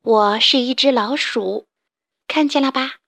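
Gentle woman telling a children's story. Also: high voice. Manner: gentle, expressive, slow and clear.

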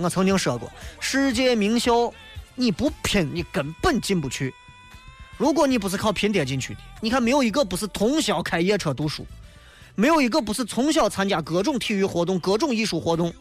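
A man with a high-pitched voice and a Shaanxi dialect accent, bantering through a comic radio monologue. He sounds wry and teasing as he knocks down misconceptions, speaking into a studio microphone with faint music underneath. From Shaanxi, China. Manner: wry, joking, mocks misconceptions in a lively banter. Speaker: radio talk show host.

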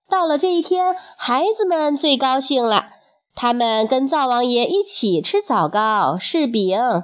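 A woman reads a children's tale aloud in a gentle, sing-song manner. She speaks slowly, as if to small kids. Her voice sits a little high and her delivery stays patient. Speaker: children's storyteller and host. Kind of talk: storytelling for young children.

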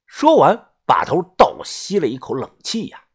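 A man reads a first-person adventure novel aloud, his husky voice leaping up and down in pitch as he drags out sentence endings. The delivery is loose and storyteller-like. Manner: storytelling with drawn-out particles and lively pitch. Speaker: audiobook narrator.

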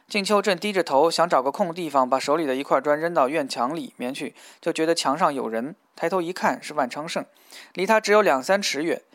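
A man's voice: fairly high pitch, fairly bright tone, no echo, studio quality. Man narrating a novel steadily. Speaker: audiobook narrator.

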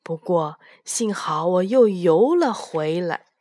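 A woman's voice: on the low side, expressive, slow pace, a little mellow, dry recording. Lady playing a grumpy tiger, huffing, dry close sound. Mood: huffy. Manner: annoyed. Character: huffy strong tiger.

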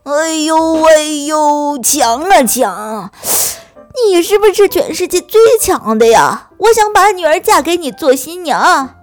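A woman's voice: high-pitched, sing-song, a little slow, faint music behind, voice pushed up. A woman voicing an old male mouse village chief in a children's storybook tale, stammering and eager. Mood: eager pleading. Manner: stammering, pleading.

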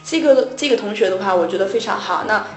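A woman's voice: mid-range voice, expressive, fast talker, echoey room, soft background music. A woman co-hosting a casual English lesson talk, explaining pronunciation points patiently, step by step. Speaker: English tutor co-host. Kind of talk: casual radio-style chat.

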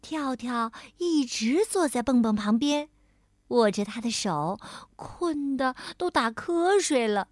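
Woman, children's storyteller, high voice, slow, gentle, talks to the child. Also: animated, no echo, studio quality. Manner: gentle, addressing the child directly. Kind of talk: bedtime story narration for children.

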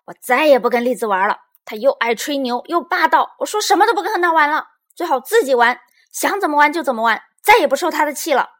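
A woman's voice: on the high side, animated, normal speed, pitched above the performer's own voice. A woman playing a bratty little bear cub girl. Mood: angry. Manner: indignant, shouty.

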